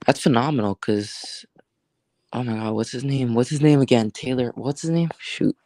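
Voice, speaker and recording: A man hosting a casual livestream chat, rambling and halting with many fillers and restarts. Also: medium pitch, warm tone, no room sound. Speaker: livestream host.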